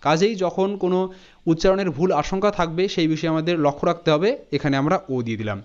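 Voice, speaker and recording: A man teaching a spelling lesson, slowly spelling out words letter by letter. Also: on the high side, a little mellow. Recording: dull lo-fi sound.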